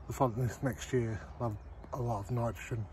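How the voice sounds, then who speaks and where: A slightly mellow, medium-pitched man's voice moves at a quick pace with fairly even intonation, captured on poor audio. He's a thirty-something vlogging casually outdoors at an allotment, rambling and self-deprecating with plenty of ums, phone camera held close and outdoor noise behind.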